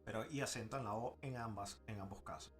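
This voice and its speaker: A co-host in a casual podcast chat who asks questions eagerly and sometimes speaks fast. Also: medium pitch, faint music behind.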